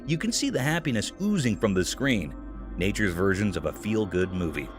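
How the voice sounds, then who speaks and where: A man's voice: lowish voice, big pitch swings, normal speed. Chatty male narrator over music. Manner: chatty, folksy storytelling tone. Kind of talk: scripted narration. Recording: clear music bed behind.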